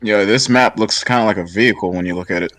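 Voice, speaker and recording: A man's voice: on the low side, fast, a bit bright, no room sound, soft background music. A man joining a live stream as co-host, chatting in a laid-back, teasing way. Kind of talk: casual live-stream chat.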